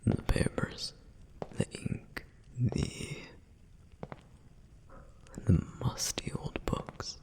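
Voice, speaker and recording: Speaking very slowly and pausing often, a man whispers softly as a dutiful, protective male flame demon in an ASMR roleplay. His delivery is wistful and reflective.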